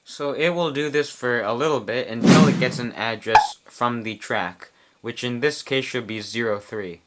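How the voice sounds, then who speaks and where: A man casually explaining how to set up a model train address changer, chewing gum as he talks in a quiet room. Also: medium pitch, normal speed, noisy background. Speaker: model train hobbyist reviewer. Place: quiet room at home with model track on a table.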